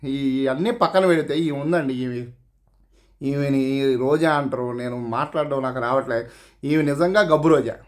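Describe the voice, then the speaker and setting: A man's voice: medium pitch, normal speed. A man giving casual, sarcastic political commentary, full of mocking rhetorical questions and repeated phrases. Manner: addresses listeners directly, repeats phrases.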